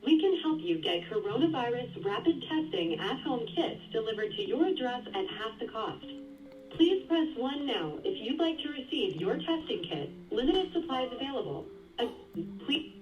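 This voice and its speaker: This is a recorded phone message: a woman with a fairly high, lively voice politely reads a scripted automated menu at a measured pace, guiding callers step by step. It sounds distant and phone-like, with music underneath.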